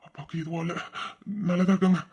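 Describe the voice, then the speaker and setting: A man's voice: high-pitched, flat delivery, quick pace, mellow, slightly rough. A man playing an earnest, emotional young son. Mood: worried. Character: devoted young adult son, emotional and tender. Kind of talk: audio drama acting.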